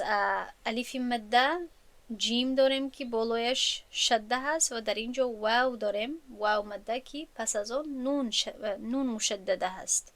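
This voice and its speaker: A woman teacher gives a recorded lesson in a slightly high voice. She explains things patiently and keeps restating each point in new words so it sinks in. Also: fairly bright tone. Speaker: teacher of Quran recitation rules.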